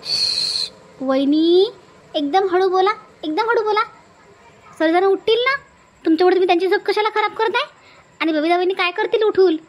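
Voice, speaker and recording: A woman's voice: extremely high pitch, a little fast. A woman playing a bossy village woman who keeps nagging her sister-in-law in a comedy skit. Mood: coaxing. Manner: insistent, scolding, repeats urgings. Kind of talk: comedy sketch acting.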